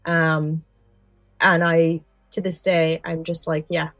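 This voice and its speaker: Co-hosting a podcast, a woman with a low, fairly flat voice chats slowly and enthusiastically about films and scary stories, gushing and saying "like" a lot. Her tone is a bit bright, the recording dry, with soft music underneath.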